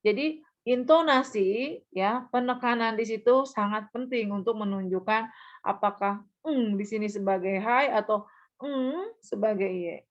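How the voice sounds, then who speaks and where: A woman teaching a language lesson, patiently explaining and modeling example phrases aloud, with quick checks that the listener understands. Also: medium pitch. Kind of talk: recorded online lesson. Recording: dull, muffled lo-fi sound.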